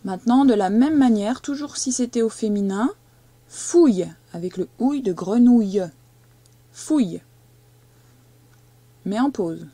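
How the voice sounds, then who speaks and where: A woman teaching a young child to read, speaking slowly and patiently and stressing each syllable as she dictates. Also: fairly high pitch, expressive, mellow, no echo. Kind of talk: reading and spelling lesson for a young child.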